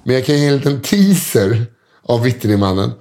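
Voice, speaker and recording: A man's voice: medium pitch, big pitch swings, darkish tone. Man, podcast host telling stories, rambling and full of fillers. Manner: rambling, lots of hesitation fillers and restarts. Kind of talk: casual storytelling chat.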